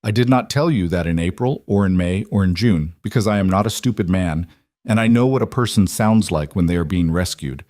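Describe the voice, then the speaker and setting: A man voicing a reserved, careful man of power who talks in a measured, deliberate way. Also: low-pitched, a little mellow, no room sound, studio quality, lightly acted. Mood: tender.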